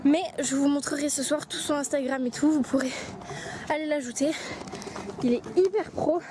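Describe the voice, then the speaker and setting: A woman's voice: high-pitched, moderate pace, noisy background. A young woman vlogging her day, chatting straight to her viewers and sometimes dropping to a whisper. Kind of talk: casual day-in-the-life vlog. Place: outdoors and at home, moving through the day.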